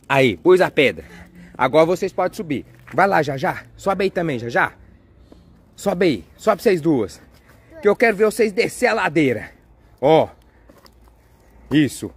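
A young father, filming his kids at play outdoors and narrating in an excitable, coaxing way. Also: on the high side, husky. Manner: excitable, coaxing, cheers and exclaims often. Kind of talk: playful family vlog narration. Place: outdoors on a street and yard.

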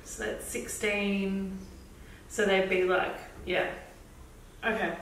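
A woman's voice: mid-range voice, little pitch movement, slow, a bit bright. A middle-aged woman discussing renovation work casually on site. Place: bare indoor hallway under renovation. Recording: echoey room, far camera, faint noise.

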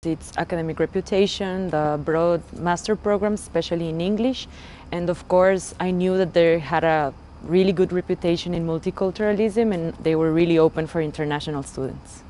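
A woman's voice: fairly low pitch, fairly quick, mellow, a little hiss or hum. A young woman from Ecuador, a master's student giving careful, earnest interview answers outdoors. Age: young adult. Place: outdoor city square.

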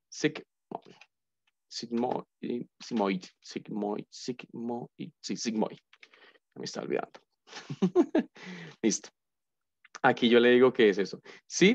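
A man's voice: mid-range voice, no echo. Man, coding lesson, talks to himself, dry dull lo-fi audio, keyboard clicks. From Colombia. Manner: chatty, thinks aloud, hums nonsense while typing. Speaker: university lecturer. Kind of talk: casual live coding lesson.

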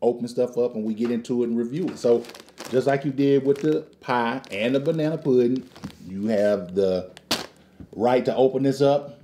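A man's voice: medium pitch, noisy background. A middle-aged man chatting casually and playfully as he hosts a snack review at home. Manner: joking, playful, chuckles as talking. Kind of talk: casual food review chat. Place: living room at home, indoors.

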